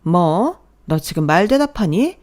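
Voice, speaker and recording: A woman's voice: fairly low pitch, very animated, a little slow, darkish tone. Woman voicing a nagging older mother-in-law. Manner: scolding, sniping.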